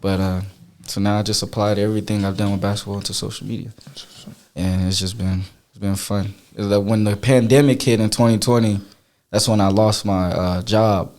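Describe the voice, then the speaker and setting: A man telling his story in a relaxed podcast chat as a guest, full of slang and filler. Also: fairly low pitch, fairly quick. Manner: laid-back slangy storytelling. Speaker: guest YouTuber.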